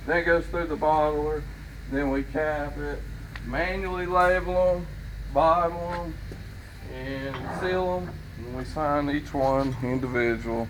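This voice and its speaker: A man's voice: fairly high pitch, slow. A man giving an informal, folksy guided tour as a distillery owner, explaining things in a hesitant way. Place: inside a working distillery. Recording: loud machinery and room noise behind.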